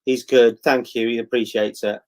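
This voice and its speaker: Male host, medium pitch, informal and chatty, running a live readings show. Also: little pitch movement, normal speed. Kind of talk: casual chatty hosting.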